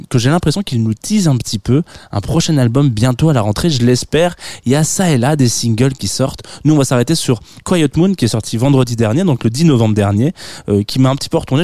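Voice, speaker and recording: A man's voice: medium pitch, warm tone, no room sound. A man from France giving a chatty, playful radio music column, rambling a little with frequent hesitations, recorded in a radio studio.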